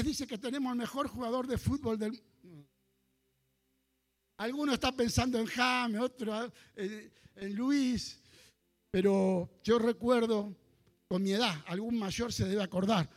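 Preaching with an Argentine Spanish accent, this sixties-aged pastor from Argentina has a very high voice. His sermon moves into call-and-response prayer with the congregation, growing fervent until it turns to shouting.

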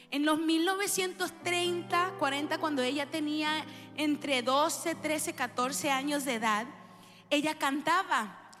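A middle-aged woman from New York, a worship singer, giving her testimony to a church audience, engaging and warm, often questioning the crowd. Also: high-pitched. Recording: echoey hall with soft music.

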